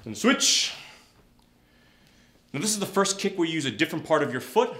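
A karate instructor, a man with a voice on the higher side, walks students through drills. He counts reps aloud, spells out the terms, and punctuates each set with a sharp kiai. The sound bounces around a reverberant training hall. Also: sing-song, moderate pace. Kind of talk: instructional class video. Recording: echoey room.

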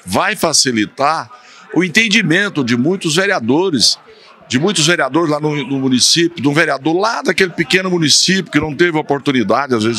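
A man in his fifties with a Brazilian Portuguese accent, a councillor speaking in halting, repetitive phrases in a press interview. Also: mid-range voice, sharp tone. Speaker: tribunal councillor. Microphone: handheld reporter mic.

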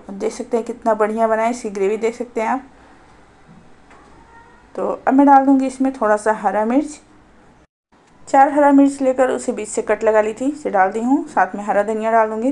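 A woman hosting a cooking channel, calmly narrating a recipe step by step as a voice-over. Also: fairly high pitch. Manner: calm, instructive, explains each step.

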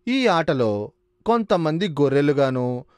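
A man's voice: a little high, big pitch swings, slow pace, smooth, no room sound, studio quality. A man voicing an eager young cowherd friend in a cartoon. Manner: eager, exclaiming.

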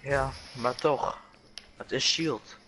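A man chatting casually while streaming a game, relaxed and hesitant, with plenty of fillers. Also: mid-range voice, takes it slowly, slight background noise. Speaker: gaming streamer. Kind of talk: casual gaming chat.

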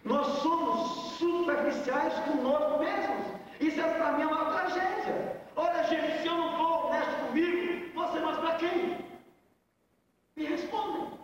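A man's voice: very high voice, unhurried, slight background noise. A male pastor preaching a sermon, speaking emphatically and putting rhetorical questions to the congregation. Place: large hall. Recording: echoey hall, voice from far off, dull sound.

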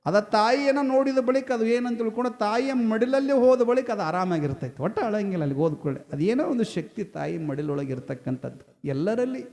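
A man's voice: sits high, lively intonation, brisk, few pauses, darkish tone. A man with a North Karnataka accent preaching a storytelling sermon, folksy and often asking his listeners for a response. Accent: North Karnataka Kannada. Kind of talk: storytelling sermon to a village gathering.

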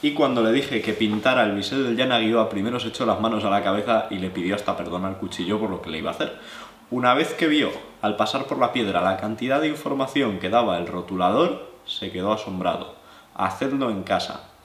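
A young Spanish man from La Mancha, seated at a table in his living room, explains knife sharpening to viewers in a relaxed, chatty way. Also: fairly low pitch, a little fast, roomy sound. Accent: Spanish from Spain. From La Mancha, Spain. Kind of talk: hands-on tutorial, addressing viewers.

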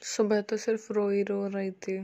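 A woman's voice: medium pitch, monotone, moderate pace, mellow, highs cut off. A young woman vlogging at home, chatting to camera and cooing baby talk to her infant. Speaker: vlogger, mother. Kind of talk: casual home vlog.

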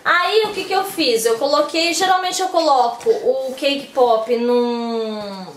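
A woman's voice: high voice, slow pace, reverberant, slight background noise. A woman vlogging casually from home, chatty and explaining her party crafts step by step. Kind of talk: casual craft vlog chat.

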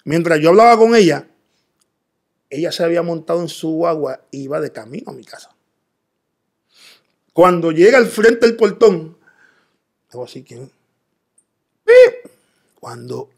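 Man, raised gravelly voice, earnest interview guest recounting his story. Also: fairly high pitch. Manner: earnest storytelling, quoting himself in dialogue. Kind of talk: personal testimony in interview.

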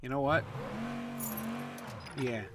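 A man's voice: medium pitch, steady tone, takes it slowly, heavy background noise. A man from California giving casual, crude, profane commentary while playing a video game. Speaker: gaming video host. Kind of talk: casual let's-play commentary. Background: game music.

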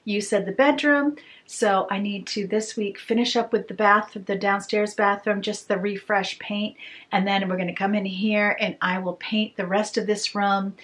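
A woman's voice: mid-range voice, fairly bright tone. A middle-aged woman chatting through an upbeat, rambling home vlog, talking to the camera in her bedroom and then while cleaning a small bathroom. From Maine, USA. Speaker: home vlogger, mom.

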